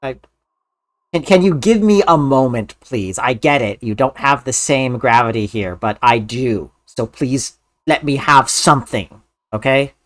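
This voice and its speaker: A man giving casual video game commentary as a Let's Player, earnest and somewhat halting. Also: mid-range voice, lively intonation.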